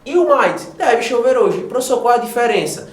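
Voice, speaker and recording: A Brazilian man teaching an English grammar lesson, animated and often checking in with his students. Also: extremely high pitch, brisk, reverberant. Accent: Brazilian Portuguese. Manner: animated, addresses students directly with frequent checks. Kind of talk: classroom lesson explaining grammar.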